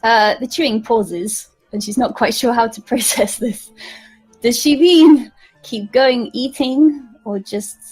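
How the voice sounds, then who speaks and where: A woman's voice: on the high side, takes it slowly, darkish tone, breathy edge, soft background music, low-quality recording. A woman player rambling through her character's actions, giggling as she goes.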